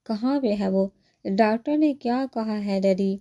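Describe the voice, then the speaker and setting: A distraught young wife pleads desperately, voiced by a woman reading a novel. The voice is dark and mellow, pitched in a middle range. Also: highs cut off, close to an everyday voice.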